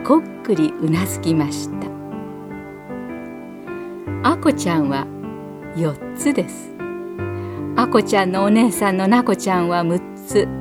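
A woman narrating a children's story aloud in a gentle, measured read-aloud manner. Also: lowish voice, animated, music in the background.

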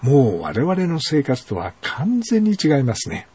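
A man with a very husky, breathy voice narrates a story as the host of his show. He speaks gently and asks rhetorical questions along the way, at a mid pitch for a man. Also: wildly swooping pitch, measured pace. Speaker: radio host.

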